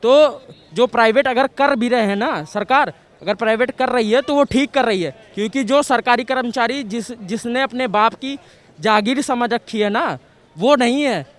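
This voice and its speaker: A man's voice: very high-pitched, moderate pace. A man from Uttar Pradesh giving blunt, emphatic opinions to a street reporter outdoors in a city. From Uttar Pradesh, India. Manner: emphatic, blunt, repeats points forcefully. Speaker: passerby interviewed on the street. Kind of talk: street vox-pop opinion.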